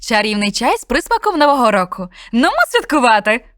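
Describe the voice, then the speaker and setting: A woman voicing a spiteful scheming witch in a children's story, speaking slowly and gloatingly. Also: on the high side, very animated, a bit bright, no room sound, studio quality. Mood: cheery. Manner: slow, gloating, menacing.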